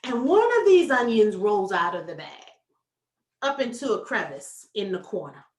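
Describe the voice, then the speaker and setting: A woman success coach giving a motivational talk, animated and folksy, addressing the audience directly. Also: medium pitch, moderate pace, distant mic. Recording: echoey room, voice from off mic.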